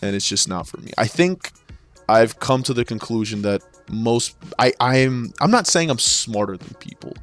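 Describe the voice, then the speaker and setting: A man's voice: mid-range voice, animated, normal speed, faint music behind. Exasperated man ranting, heavy swearing. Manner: profane, exasperated, with frequent restarts. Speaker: retail sales worker. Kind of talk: ranting storytelling.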